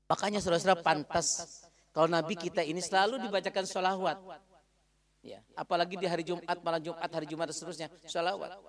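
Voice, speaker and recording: A man with a fairly high voice preaches a storytelling sermon in a mosque hall. He is animated and dramatic, and his pitch and volume swing freely as the story builds. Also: quick pace, crowd noise.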